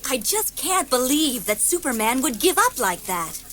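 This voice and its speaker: A man voicing a spirited adult female reporter in a high falsetto voice in an audiobook. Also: sing-song, normal speed, fairly bright tone, a little hiss or hum, exaggerated voice. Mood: worried. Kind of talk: audiobook character voice.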